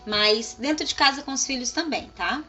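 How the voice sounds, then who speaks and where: A woman's voice: high voice, moderate pace, sharp tone. Affirming Brazilian church woman. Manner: affirming, reads comments aloud. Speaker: co-host reading comments. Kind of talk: devotional family talk. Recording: dull lo-fi with faint music.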